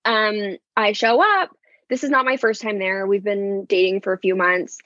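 A woman's voice: medium pitch, normal speed, fairly bright tone, dry recording. A woman joins a podcast by video call and tells her story in a chatty way, full of fillers. The audio is dull and lo-fi. It is dry, with no room sound. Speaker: podcast guest. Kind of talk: casual storytelling.

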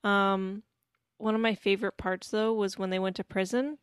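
Deadpan joking woman, dry close sound. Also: medium pitch, moderate pace, clean tone, dry recording. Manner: deadpan, jokey asides. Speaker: podcast co-host. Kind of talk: casual film discussion chat.

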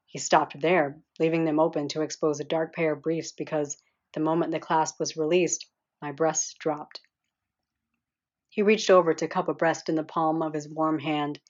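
Audiobook narrator: woman, deep voice, soft intimate first-person reading, slightly dull lo-fi recording. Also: little pitch movement, moderate pace.

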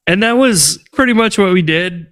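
A man with a slightly higher, smooth and resonant voice chats casually on a tech podcast. He tells stories with animated exasperation. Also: moderate pace. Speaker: podcast co-host.

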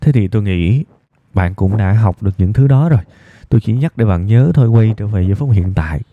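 A man with a southern Vietnamese accent hosting an evening advice programme, talking reflectively to listeners in a subdued, unhurried, deliberately low tone. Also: animated, no echo. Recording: thin, phone-like band-limited sound.

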